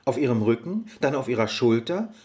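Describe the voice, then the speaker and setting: A man narrating a fairy-tale audio story in an expressive storybook manner. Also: mid-range voice, brisk.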